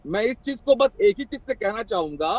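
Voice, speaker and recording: A man with a strikingly high voice comes through a patchy remote line that sounds dull and lo-fi. He argues defensively in a heated televised debate, repeats his points and keeps talking over the host. The sound is dry, with no room around it. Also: animated, fairly quick, a little mellow, no echo. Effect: heard over a patchy remote line. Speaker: party spokesperson on a TV debate. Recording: dull lo-fi remote call audio.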